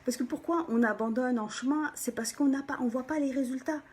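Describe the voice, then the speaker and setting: A woman, a personal development coach, gives an animated motivational talk to viewers, often checking in with them and sometimes dropping into a soft whisper for emphasis. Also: high voice, fairly quick, husky. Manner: animated, keeps checking in with the listener.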